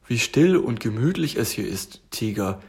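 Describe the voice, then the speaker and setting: Steady, reassuring little bear with a husky tone, voiced by a male reader. Bedtime storybook. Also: mid-range voice, normal speed, full character voice.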